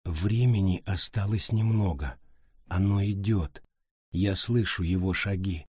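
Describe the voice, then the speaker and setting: A man voicing an intense, stubborn teenage boy who speaks slowly and spells out every word, in a low husky voice. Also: a little mellow, no echo, studio quality, exaggerated voice. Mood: ominous. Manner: slow, every word clearly spoken.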